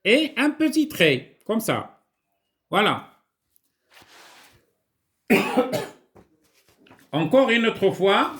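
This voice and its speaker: Male teacher, Moroccan accent, high voice, very slow, repeats words for kids. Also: big pitch swings, a bit bright. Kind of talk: children's writing lesson.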